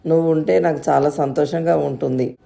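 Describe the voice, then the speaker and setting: A woman's voice: low voice, fairly even intonation, fairly quick, gravelly, mellow. A woman voicing a kind, wealthy woman friend in a storybook reading, generous and insistent.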